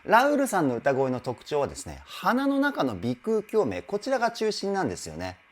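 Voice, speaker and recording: A vocal coach reacting to a live performance, excitedly admiring it and then explaining singing technique step by step. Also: medium pitch, a little fast. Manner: enthusiastic, exclaims in admiration between explanations. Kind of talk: reaction video with vocal analysis. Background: faint music from the video being reviewed.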